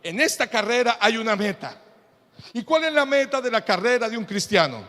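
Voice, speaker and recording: A high-voiced male pastor delivering a lively sermon full of funny anecdotes. His voice rings out in a church hall with a long reverb. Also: moderate pace. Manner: animated, telling humorous anecdotes. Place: church in Panama.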